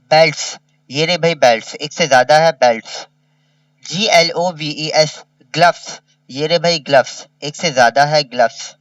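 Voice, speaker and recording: A man's voice: a little high, a bit bright, no room sound, distant mic. A man teaching a kindergarten revision lesson. He spells each word letter by letter and repeats it. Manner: slow, spells words letter by letter and repeats them.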